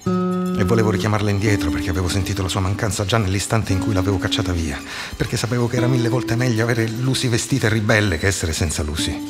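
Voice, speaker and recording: A man narrating a novel excerpt in an intense, expressive dramatic reading. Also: lowish voice, fast. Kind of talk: dramatic literary reading over music. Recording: long reverb under loud guitar music. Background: loud plucked guitar music.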